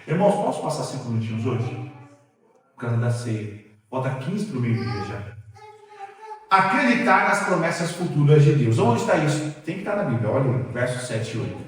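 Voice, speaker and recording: A man preaching a sermon as pastor, telling a personal testimony in an animated, storytelling way, heard in a church sanctuary. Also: mid-range voice, normal speed. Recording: very echoey church hall, distant mic.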